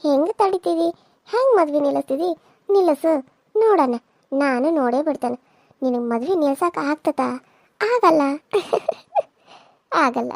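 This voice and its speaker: A woman's voice: lively intonation, normal speed, vocal fry, pauses often, dry recording, clean studio sound. A woman voicing a cruel, scheming young woman villain in a cartoon serial, with a sneering, menacing delivery. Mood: taunting. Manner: sneering, menacing, low and hushed.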